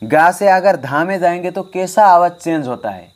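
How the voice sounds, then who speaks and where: A man's voice: sits high, expressive, moderate pace, a little mellow. A man teaching harmonium online, speaking straight to his students and repeating key points for emphasis. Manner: repetitive, emphatic, addresses students directly. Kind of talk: online music lesson. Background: faint harmonium.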